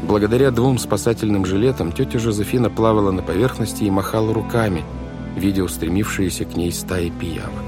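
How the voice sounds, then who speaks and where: A deep, low male voice reads a story aloud in measured, expressive scripted narration. Music plays clearly beneath him throughout. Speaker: audiobook narrator.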